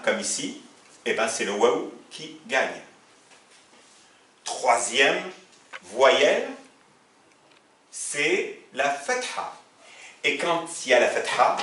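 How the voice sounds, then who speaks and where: A man's voice: medium pitch, bright, forceful tone. A man teaching Arabic in French to a class. He often tells them to look and asks them questions, then answers himself. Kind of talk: classroom lesson explaining grammar. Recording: echoey room, mic far off.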